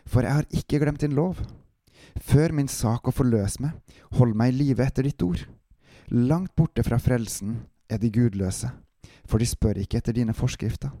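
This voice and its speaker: A man hosting a devotional podcast, introducing a psalm and then reading it aloud in a calm, steady manner. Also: mid-range voice, no echo, clean studio sound.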